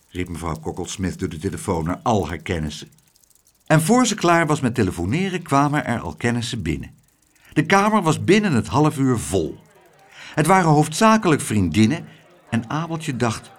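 A man narrating a children's story aloud with animated, expressive storytelling. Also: medium pitch. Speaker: audiobook reader.

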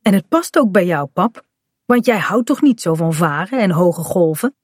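A woman's voice: lowish voice, expressive, normal speed, darkish tone, husky, dry recording, clean studio sound. A woman reading aloud voices a spirited little girl who plays pirate, cheeky and proud. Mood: chatty.

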